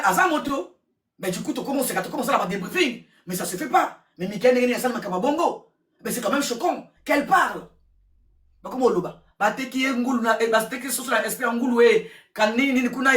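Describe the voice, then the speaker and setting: A woman giving casual gossip commentary, repeating words and switching languages in an excitable way. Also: fairly high pitch, quick pace. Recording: roomy echo, distant from mic.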